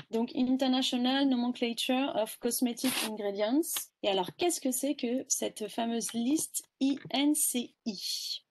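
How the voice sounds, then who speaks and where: Woman presenting a webinar, slightly high voice, explains things slowly with lots of pauses. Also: a little mellow. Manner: explanatory, hesitant with fillers.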